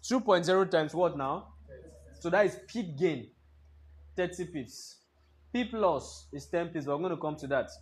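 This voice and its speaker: A man with a notably high voice leads a trading lesson in a classroom. He lectures and keeps throwing half-finished questions at the students for them to complete. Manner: quizzing the class with fill-in-the-blank questions. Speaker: trading instructor.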